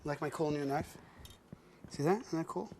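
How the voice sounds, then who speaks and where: This cooking show host, whose voice is on the high side with a darkish tone, speaks at a normal speed. He teaches a child to cook through playful banter, cracking jokes, laughing often, and calling the kid "buddy."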